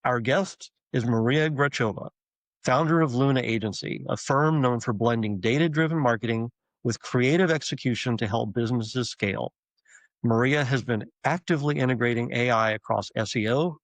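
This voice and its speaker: Male podcast host, mid-pitched, dry close-mic sound, scripted intro and easy questions. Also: dry recording, poor audio. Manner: reads a scripted intro, then asks questions casually. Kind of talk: podcast interview hosting.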